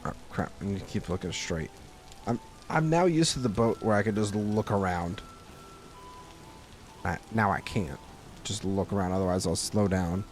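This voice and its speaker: A man's voice: on the low side, moderate pace, long pauses, faint music behind. A man casually commenting on his gameplay in a joking, wry way. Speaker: gameplay host. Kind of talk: casual let's-play commentary.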